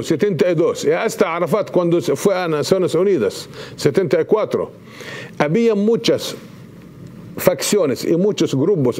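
Guest spot: fiftyish man, fervent and halting, fairly high yet mellow voice, lapel mic in a TV studio. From Palestine. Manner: impassioned, gesturing, halting restarts. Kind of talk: TV studio interview. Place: TV news studio.

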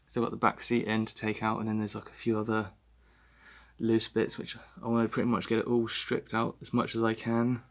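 This car restoration vlogger, a young man in his twenties, speaks briskly in a voice on the low side. He casually narrates repair work in his home garage on a handheld phone, with a little hiss or hum, staying relaxed and rambling with lots of fillers and restarts.

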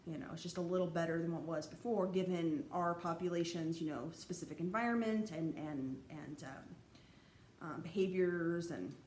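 Her voice lowish and a little mellow, at a moderate pace, a young anthropology instructor rambles casually through a college lecture over slides, with lots of fillers and restarts. Faint background noise and echo fill the room.

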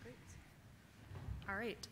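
Female medical presenter, conversational lecture style, crisp-edged bright tone, echoing hall with clear background noise. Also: takes it slowly. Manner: conversational, engages audience with questions. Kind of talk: conference lecture. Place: large indoor presentation room.

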